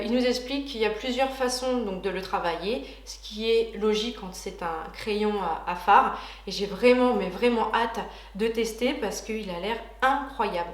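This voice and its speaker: A woman's voice: a little high, reverberant. A woman beauty vlogger chatting casually and enthusiastically through a product unboxing, with frequent hesitations.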